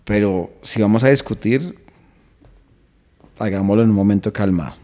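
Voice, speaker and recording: A man's voice: on the low side, moderate pace, warm tone. Man, comedian guest, reflective and earnest in casual chat. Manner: earnest, reflective, explains at length. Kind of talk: casual podcast conversation.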